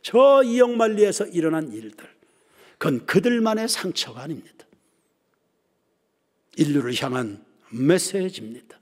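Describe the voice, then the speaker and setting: A male pastor preaching a sermon, swinging from ringing emphasis down to hushed near-whispers. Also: on the high side, big pitch swings, normal speed, long pauses. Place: church sanctuary. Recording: reverberant church hall.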